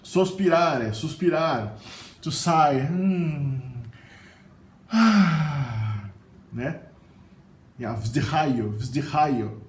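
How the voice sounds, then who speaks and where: Drawing out his words in a mid-range voice, a middle-aged man with a Brazilian Portuguese accent gives an informal vocabulary lesson on video. He chats freely, often ending lines with a questioning "né?". The audio has a little hiss or hum, plus echo and faint room ambience.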